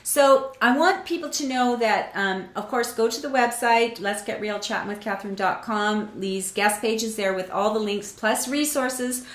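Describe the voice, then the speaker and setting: A woman hosts an interview, her voice slightly high, her pace measured with few pauses. She talks casually and warmly, affirming her guest, restarting often and using many fillers. The recording has a roomy echo.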